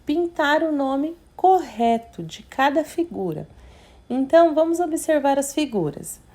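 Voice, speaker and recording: A woman teacher, talking young children through a reading worksheet slowly and patiently, sounding out syllables. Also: high voice, animated, mellow. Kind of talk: remote literacy lesson for young children.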